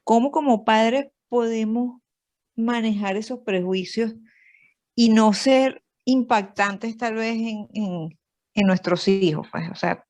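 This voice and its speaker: A woman's voice: fairly high pitch, slow pace, a little mellow. Hesitant Venezuelan woman asking a question. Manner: hesitant, with many fillers and repeated words. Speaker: reading club participant. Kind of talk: asking a question in an online discussion. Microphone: video call.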